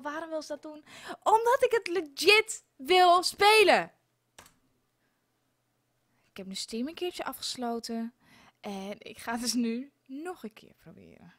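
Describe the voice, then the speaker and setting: A young woman live-streaming a game, exasperated and swearing, with loud outbursts and a sore throat. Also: sits high.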